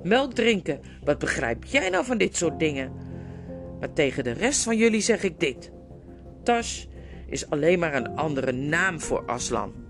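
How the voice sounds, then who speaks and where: A woman's voice: sits low, big pitch swings, measured pace, over music, full character voice. A woman reading a storybook, voicing a scheming, domineering male ape who snaps and sneers. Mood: scornful. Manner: sneering, snapping orders.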